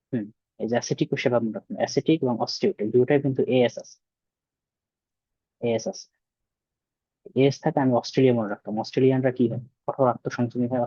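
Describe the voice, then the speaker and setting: A man's voice: medium pitch, warm tone, slightly rough, no room sound. Male exam tutor, quizzing style, muffled recording. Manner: explains with memory tricks and frequent rhetorical questions. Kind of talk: vocabulary lesson.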